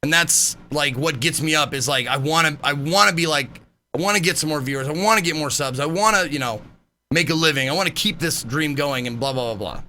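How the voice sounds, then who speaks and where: A man streaming live, chatting casually in a loud, animated way and swearing freely. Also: a little high, a little fast, a little hiss or hum.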